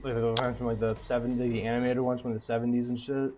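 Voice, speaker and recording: A man's voice: medium pitch, flat delivery, quick pace, a little mellow. A man co-hosting a casual gaming chat, loose and joking, often swearing. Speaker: co-host.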